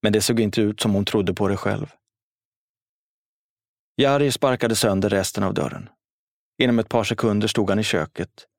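A man reading a first-person story aloud in a steady, solemn manner. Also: lowish voice, long pauses, no echo, clean studio sound. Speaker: narrator.

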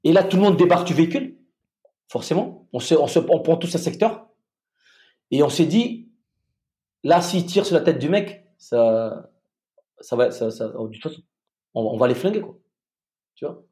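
A man, a former soldier, recounting his experience in a casual conversation, halting with restarts and fillers. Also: a little high, expressive, mellow. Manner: halting, many restarts and fillers, vivid retelling.

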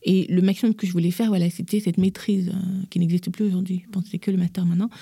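A woman's voice: fairly low pitch, quick pace, breathy edge, no echo, studio quality. A young woman from Gabon, a podcast guest, telling her life story with candor and acting out the people she quotes. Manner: lively, acts out quoted voices. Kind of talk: candid personal storytelling.

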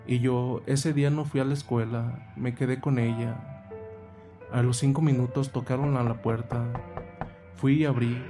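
Man, first-person horror narration, measured, mid pitch, background music. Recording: music playing under the voice.

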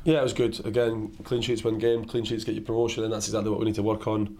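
A man, a caretaker player-manager with a croaky voice, answering post-match questions in a halting way, often repeating words. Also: fairly low pitch, little pitch movement, a little mellow, slight background noise.

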